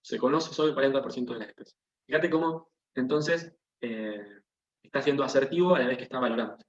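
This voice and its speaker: A male teacher lectures over a video call, explaining each point patiently and pausing to check that the class is following. His voice sits in the middle range and comes through a computer microphone, with a roomy echo and dull lo-fi audio. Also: mid-range voice.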